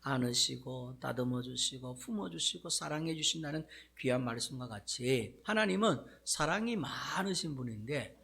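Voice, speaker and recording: A male pastor preaching a sermon, telling the story in a lively way with frequent asides to the congregation. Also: medium pitch, creaky, breathy edge.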